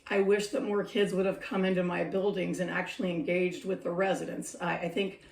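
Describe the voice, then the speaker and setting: Talking to the camera in a relaxed vlog, a middle-aged woman who works in senior care reflects and offers advice, laughing frequently. Her low, scratchy voice is level, brisk, creaky and darkish, and the room echoes with the mic placed a bit far away.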